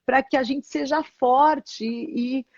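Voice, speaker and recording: A woman's voice: high voice, slow, no room sound. A woman bishop with a Brazilian Portuguese accent, telling a personal testimony in an interview and acting out the dialogue as she goes. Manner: animated storyteller, acts out dialogue. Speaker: church bishop, interview guest. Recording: dull, dry sound.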